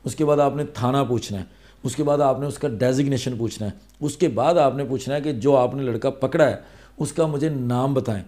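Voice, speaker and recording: This man, a vlogger with a Pakistani accent, explains legal awareness to his viewers conversationally and step by step. His voice is mid-range and dark, and he talks briskly.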